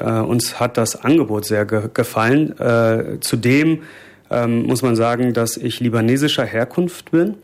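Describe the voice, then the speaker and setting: A man from Germany, a father guesting on a talk show, speaking in a thoughtful, measured way with fillers. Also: medium pitch. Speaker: guest, parent. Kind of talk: casual chat.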